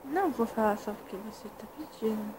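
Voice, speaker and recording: A woman's voice: fairly high pitch, brisk, noisy background. A woman being coy and playfully stubborn with her partner in a home video. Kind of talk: playful couple chat.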